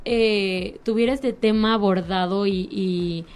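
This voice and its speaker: A woman speaks in casual conversation. She is thoughtful and hesitant, filling her pauses as she works through her ideas. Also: mid-range voice, steady tone, a little mellow, clear, resonant tone, faint music behind. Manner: thoughtful, hesitant, many fillers.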